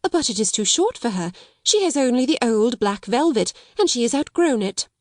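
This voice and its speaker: Storybook role: meek, tearful younger sister, high-pitched and stammering, performed by a female narrator; close, dry sound. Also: sing-song, moderate pace, a little mellow, no echo. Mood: flustered. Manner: stammering, breathless, fluttery. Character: timid, tearful, flustered grown woman, bossed younger sister.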